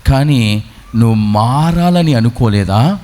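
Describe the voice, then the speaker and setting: Lively preaching man telling a story. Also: medium pitch, takes it slowly. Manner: storytelling, acting out both sides of a dialogue. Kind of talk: sermon with a told story. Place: retreat center.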